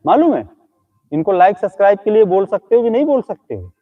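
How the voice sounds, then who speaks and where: A man hosts a comedy live stream, heaping teasing insults on ghosts he pretends are in front of him. His voice sits a little high. The sound is thin and tinny, like it's coming through a phone. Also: sing-song, fairly quick. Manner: mocking, scolding, teasing insults. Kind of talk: comic live stream talking to imagined ghosts.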